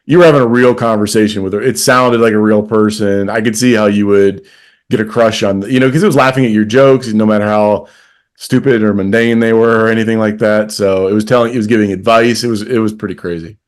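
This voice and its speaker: A man co-hosting a podcast in casual chat. His voice is on the low side. He sounds relaxed and wry. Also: brisk. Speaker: podcast co-host.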